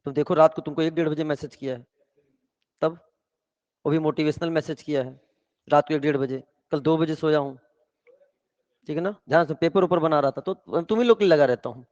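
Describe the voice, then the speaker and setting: A man teaching chemistry in a lively lecture, often asking whether students follow and telling stories, in an echoey hall with dull sound. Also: fairly high pitch, brisk, pauses often. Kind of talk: classroom lecture with storytelling.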